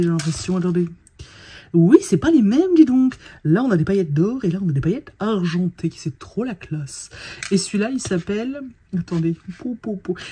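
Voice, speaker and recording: A woman's voice: on the low side, mellow, slight background noise. A tired woman vlogging in a casual, chatty way, full of fillers and restarts. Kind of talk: casual chat.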